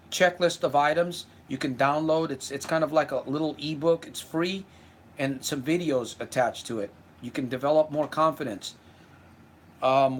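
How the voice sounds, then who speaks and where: The voice of a Puerto Rican man in his 50s, on the high side, comes with a bit of hiss or hum. During his sincere self-help livestream, he answers comments from viewers and tends to repeat words along the way.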